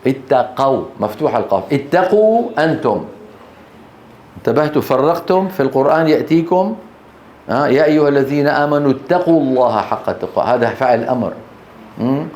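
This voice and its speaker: A male Quran teacher leads a classroom lesson in Grozny, frequently tossing short questions to the class and stretching out recited words. His mid-range voice is animated, fast and darkish, recorded in an echoey room with faint background hiss.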